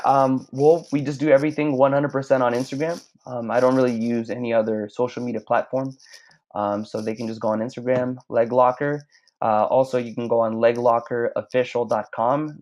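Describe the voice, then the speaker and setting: A man's voice: medium pitch, little pitch movement, normal speed, darkish tone. A man from Mexico, a podcast guest, talking casually and rambling with many restarts. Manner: rambling, frequent restarts and stammered repeats. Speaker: guest, clothing brand owner. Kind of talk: casual chat. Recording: slightly dull lo-fi sound.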